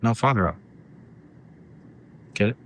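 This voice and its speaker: A man's voice: on the low side, expressive, unhurried, slightly rough. Sarcastic man co-hosting a podcast. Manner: teasing, sarcastic jokes. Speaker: podcast co-host. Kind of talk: casual chat reading online stories.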